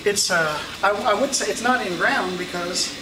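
A man guides the listener through an elevator ride with eager, explanatory enthusiasm. He sounds set back from the camera mic in a boomy little cab. A heavy wash of noise sits under everything he says. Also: normal speed. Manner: eager, explanatory, points things out. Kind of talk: casual guided walkthrough. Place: inside a small elevator cab in a building. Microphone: handheld camera mic. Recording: roomy, distant, loud background noise.

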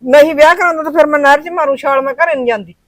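A woman's voice: sits high, fairly even intonation, racing, dry recording, lightly acted. A woman with a Malwai Punjabi accent playing a bossy mother who scolds her son. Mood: scolding. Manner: scolding, commanding. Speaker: mother-in-law. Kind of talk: village short-film acting.

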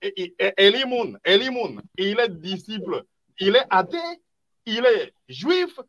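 An agitated man with a fairly high voice speaks in a heated debate over a video call. He stammers and repeats syllables as he pushes back. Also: very animated, measured pace, a bit bright, dull audio.

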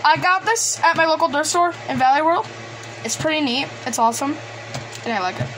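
Speaking a little fast in a high, animated voice, a woman presents gadgets from her collection in a loose, hesitant, rambling way. The setting is a desk in a small indoor room, captured on a handheld phone with background hiss, noise and radio devices.

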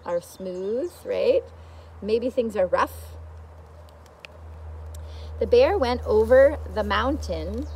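This time the middle-aged children's teacher speaks at a medium pitch, with slight background noise. Reading and singing a picture book in a leafy garden, she uses simple singsong talk and frequently quizzes the young viewers with easy questions, while a camera or phone records from a short distance.

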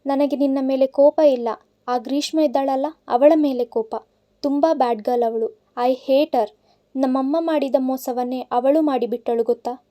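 A man's voice: extremely high pitch, steady tone, normal speed, warm tone. A woman voicing a drunk, heartbroken man in his twenties who rambles and pleads like a child. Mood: sulky. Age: 20s. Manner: rambling, sulky, innocent pleading. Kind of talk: audiobook character voice.

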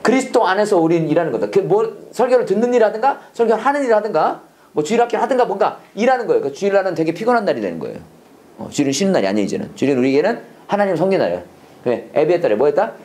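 Animated preacher-teacher with lively pitch. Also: male voice, racing. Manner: animated, call-and-response, mixing English and Korean. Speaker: Bible English teacher. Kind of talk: preachy Bible English lesson.

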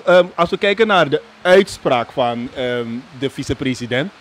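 A man's voice: medium pitch, animated, normal speed. A man hosting a live interview, cutting in with probing follow-up questions. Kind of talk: live talk-show interview.

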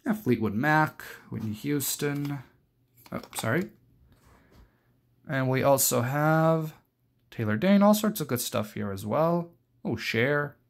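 A young adult man with a gravelly mid-range voice shows off his cassette collection in a casual, unscripted show-and-tell, rambling hesitantly and often correcting himself. There's a little hiss or hum in the audio.

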